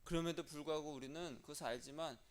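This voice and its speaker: Male pastor preaching, chatty, keeps asking the crowd questions, voice a bit on the high side. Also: fast talker. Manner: conversational, asks the congregation questions; acts out prayers and quoted speech in a changed voice. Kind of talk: sermon.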